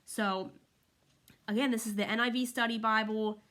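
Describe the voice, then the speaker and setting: A woman's voice: on the high side, steady tone, moderate pace, a bit bright. Chatty woman reviewing a book. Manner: friendly, chatty, walks through pages while talking. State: slightly out of breath. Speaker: Bible reviewer. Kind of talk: casual product review.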